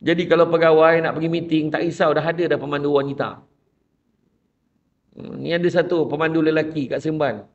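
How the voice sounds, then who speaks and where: Animated Malaysian Malay male panelist with a fairly high voice, recorded from across the room. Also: fairly quick. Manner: animated storyteller who acts out quoted voices. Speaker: panelist and motivational speaker. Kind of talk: lively debate talk show. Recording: distant, dull lo-fi sound.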